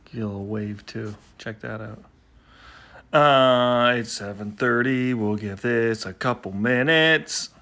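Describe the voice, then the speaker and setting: A man with a mid-range voice and a sharp tone talks at a measured pace. Hosting his own live poetry stream, he chats and teases viewers in a rambling way while waiting to start, recorded on a phone indoors at home.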